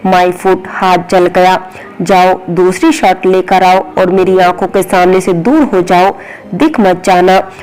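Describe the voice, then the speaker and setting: A woman's voice: on the low side, steady tone, takes it slowly, darkish tone, rough recording. A woman voicing a curt, angry young husband in a spoken story, scolding harshly.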